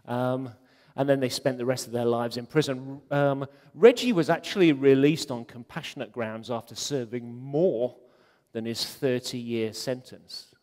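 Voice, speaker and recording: A man's voice: mid-range voice, unhurried, a little mellow. A man giving a conference talk, chatty and joking, with many ums. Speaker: conference speaker. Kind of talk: conference talk on web design. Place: conference hall. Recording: long hall reverb.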